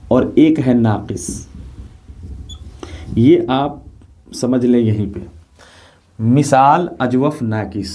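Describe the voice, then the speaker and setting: A man's voice: medium pitch, mellow. A man teaching an Arabic grammar lesson, patiently repeating points and asking his students if they follow. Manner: patient, repeats points, often asks rhetorical check questions. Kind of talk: classroom lecture explaining grammar.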